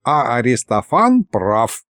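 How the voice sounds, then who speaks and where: A man's voice: mid-range voice, sing-song, slow, fairly bright tone, no echo, studio quality. Brief: a man as a sly old grandfather over 70, ex-bandit, folksy and wheedling, for an audiobook.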